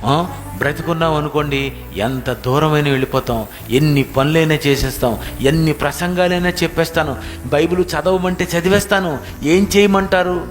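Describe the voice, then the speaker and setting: A man preaching a sermon as pastor, emotional, with rhetorical questions, dropping to a hush and then rising. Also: on the high side, normal speed. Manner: emotional, rhetorical questions, swings between hushed and raised. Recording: long hall reverb with faint music behind.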